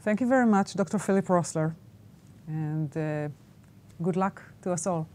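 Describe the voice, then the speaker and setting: A woman interviewing guests, asking long questions with many pauses and fillers. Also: on the low side, dark tone, slight background noise.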